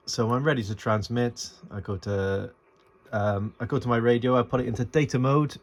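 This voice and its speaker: In a noisy phone video, a middle-aged man with a lowish voice walks through an amateur radio tutorial, talking informally and with enthusiasm about each step as he goes, without a script.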